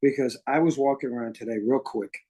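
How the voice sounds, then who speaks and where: A man's voice: mid-range voice, fairly quick, mellow. A man hosting a chat show, talking enthusiastically and heaping praise on his guest. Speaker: talk show host. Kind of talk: casual interview chat.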